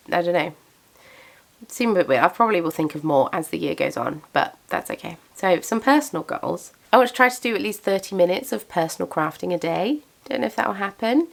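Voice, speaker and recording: A young woman who owns a craft business and vlogs chats casually to camera about her business and plans. Her voice is fairly low with vocal fry, a little congested from a cold, and she's self-deprecating.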